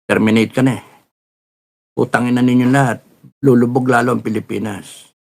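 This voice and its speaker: A middle-aged man in a ranting political commentary, swearing often and acting out soldiers' shouts. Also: medium pitch, fairly even intonation, moderate pace, gravelly, slight background noise. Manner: swears often, laughs at his own jokes, acts out soldiers' shouts.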